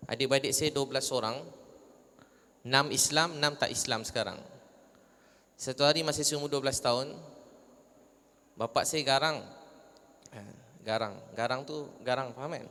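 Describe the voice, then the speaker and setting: A man's voice: mid-range voice, normal speed, pauses often, bright, forceful tone, in a large hall. A man preaching to a live audience, telling stories and putting questions to his listeners. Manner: storytelling, addressing listeners directly with questions. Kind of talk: religious talk to a live audience.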